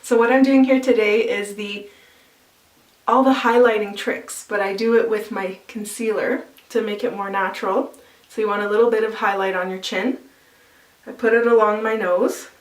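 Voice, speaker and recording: A woman's voice: medium pitch, steady tone, normal speed, roomy sound, far from the mic. A woman talking casually through a makeup tutorial, explaining each step as she applies it, with easy fillers along the way. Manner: chatty, explains while applying, with fillers. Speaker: makeup vlogger.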